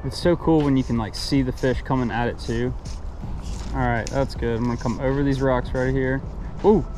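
A Texan fishing vlogger chats in an easygoing, excited way while casting by an outdoor creek under an underpass. His mid-range voice moves at normal speed over background music, picked up in low quality by a camera mic held close or filmed from a few steps away.

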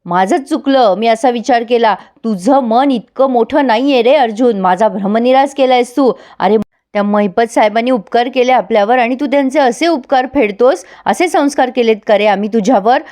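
A woman's voice: on the high side, normal speed, darkish tone, lightly acted. A woman voicing a stern middle-aged father scolding his son. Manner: scolding, bitter.

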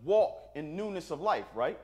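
Very animated and fairly high-pitched, a preacher addresses his congregation at normal speed using plain talk and informal grammar. He keeps checking in with "right?" in a call-and-response manner, recorded in an echoey church sanctuary.

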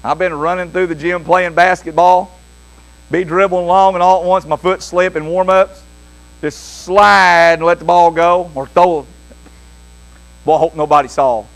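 An older man preaching a sermon, telling a homespun, jokey story in a lively, folksy way. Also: high-pitched, normal speed, poor audio. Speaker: pastor.

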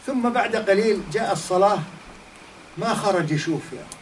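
A man's voice: high voice, fairly quick. A man giving a religious lesson, telling a story and firing off rhetorical questions. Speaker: Islamic teacher. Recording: distant mic, faint background noise.

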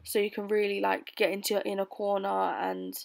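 A young adult British woman giving a casual makeup tutorial voice-over in a bored, low-energy way. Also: steady tone, brisk, creaky, a little mellow. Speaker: beauty vlogger. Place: bedroom, voice-over recorded lying on bed.

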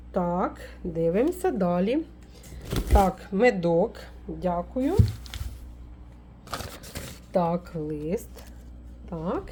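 A woman from Ukraine, a folk witch vlogger, chatting warmly as she unpacks a parcel, full of fond diminutives. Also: mid-range voice, a little hiss or hum. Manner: warm, doting, with many fond diminutives. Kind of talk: casual unboxing vlog.

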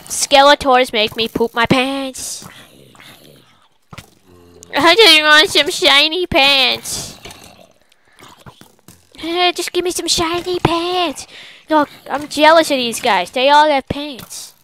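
Goofy high-voiced woman playing a game. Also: slow pace, long pauses, slight background noise. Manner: silly, goofy, excitable, jokey. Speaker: gaming channel host. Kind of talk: let's play commentary.

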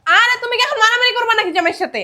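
A woman playing a sharp-tongued mother. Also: very high voice, heavily acted. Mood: scolding. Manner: scolding, quick retorts. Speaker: mother-in-law.

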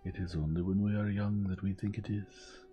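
A man voicing a gentle, fastidious elderly foreign detective who speaks in a measured, formal, persuasive way. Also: lowish voice, steady tone, soft background music, pitched above the performer's own voice, natural voice. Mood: earnest.

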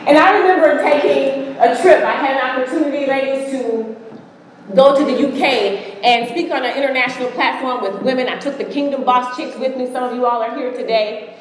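High-voiced woman in an echoing hall. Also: a little fast. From United States. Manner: storytelling, addresses the audience directly. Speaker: conference speaker. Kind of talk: motivational speech. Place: large conference hall. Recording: echoey hall with long reverb.

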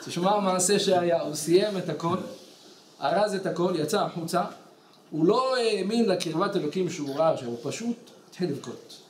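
A man with a high voice delivers a sermon as a lively story, acting out each character's lines as he goes. He is recorded in a roomy, echoing study hall with a faint hum in the background. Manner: animated storyteller who acts out quoted characters. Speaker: rabbi giving a weekly Torah lesson. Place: study hall in a small village.

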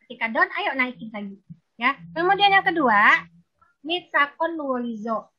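A woman giving a marriage-counseling talk over a video call. She is lively and teasing, and she speaks straight to her audience. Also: high-pitched, normal speed. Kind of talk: virtual seminar lecture.

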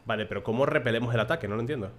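A man's voice: mid-range voice, racing, slight background noise. Young man streaming gameplay. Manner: casual, swears, shouts excitedly at the game. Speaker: gaming streamer. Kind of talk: live gameplay commentary.

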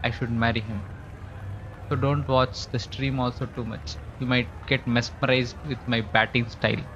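A man's voice: mid-range voice, level tone, moderate pace, a bit bright. Indian man streaming, slightly dull sound. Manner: joking, playful boasting. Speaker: live game streamer. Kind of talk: casual chat while gaming. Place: indoor room, streaming setup. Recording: dull audio with faint game noise. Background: cricket game sound.

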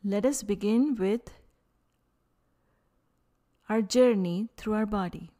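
This is a yoga nidra meditation led by a woman who speaks in short, calm, soothing phrases. Long pauses follow each one, and her pitch is medium.

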